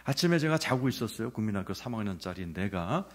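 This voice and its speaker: A middle-aged man preaching a sermon with personal testimony, telling his story with animated, acted-out scenes. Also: on the low side, quick pace. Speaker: pastor.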